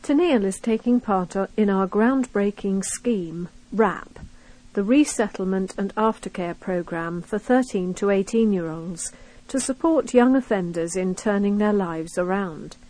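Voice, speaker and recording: A woman's voice: mid-range voice, unhurried, a little mellow, rough recording. A British woman reading magazine news articles aloud as scripted narration for a recording. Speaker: reader of a recorded local magazine.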